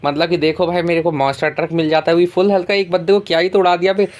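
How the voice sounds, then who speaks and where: A young man giving casual, slangy commentary over his own mobile game matches, talking quickly and chattily. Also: on the high side, flat delivery, darkish tone. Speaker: gaming YouTuber.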